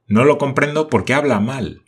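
An absent-minded male geographer bursts out in theatrical, exclaiming lines, as a male reader puts him on. The voice sits higher than the narration and carries a husky grain. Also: moderate pace, close to an everyday voice. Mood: indignant. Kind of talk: audiobook character voice.

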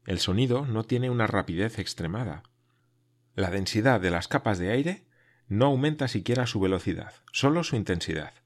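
A man reading a first-person adventure story aloud, in a measured, dramatic way that sinks to hushed tones. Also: on the low side, expressive. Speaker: audiobook narrator. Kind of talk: first-person literary narration.

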